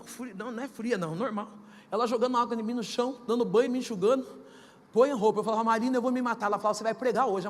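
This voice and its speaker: A middle-aged woman pastor with a Brazilian accent gives a testimony sermon, moving from hushed storytelling to shouted, half-sung preaching. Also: fairly high pitch, a little hiss or hum. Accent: Brazilian Portuguese. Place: large church hall. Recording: church hall reverb with music behind.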